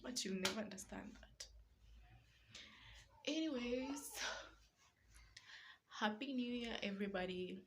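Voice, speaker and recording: A woman's voice: medium pitch, measured pace, pauses often, background noise. A woman with a Kenyan accent, vlogging emotionally from a small single room, pleading and sometimes dropping to a whisper. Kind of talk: emotional personal vlog.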